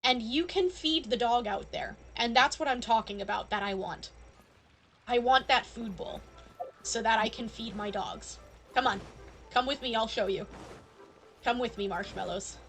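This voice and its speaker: While gaming on a live stream, a woman talks to her viewers directly in a casual, playful way. She sounds a little high and fairly bright at a moderate pace, over background music.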